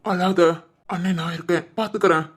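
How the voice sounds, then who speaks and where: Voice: mid-range voice, steady tone, fairly quick, slight background noise, lightly acted. A performer voicing a caring young man in a cartoon, a protective older brother who reassures and advises his sister. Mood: consoling. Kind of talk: cartoon voice acting.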